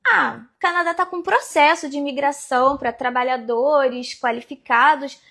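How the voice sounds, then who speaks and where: A woman from Rio de Janeiro state, in her forties, tells her life story as a guest. Her voice is high, and she acts out quoted dialogue in a lively way over a video call. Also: normal speed, gravelly. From Rio de Janeiro state, Brazil. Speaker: guest, business owner. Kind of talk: casual interview storytelling.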